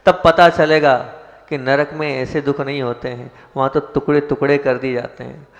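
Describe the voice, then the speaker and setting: A Jain monk giving a sermon, asking rhetorical questions and stressing key points with rising force. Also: male voice, mid-range voice, fairly even intonation, normal speed, vocal fry, dull audio. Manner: opens with sung chanted prayers. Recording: long hall reverb.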